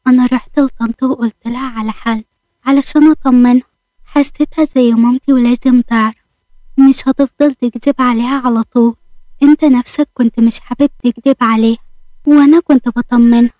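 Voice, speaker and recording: A woman voicing a gentle young wife in an Egyptian Arabic story, explaining herself in a soft, earnest way. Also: on the high side, fairly even intonation, quick pace, no room sound, natural voice. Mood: pleading.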